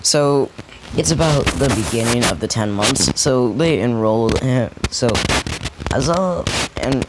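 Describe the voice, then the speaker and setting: A man's voice: mid-range voice, animated, measured pace. A man casually telling an improvised fan story, rambling and often correcting himself. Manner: rambling, with many self-corrections and fillers. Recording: noisy home recording.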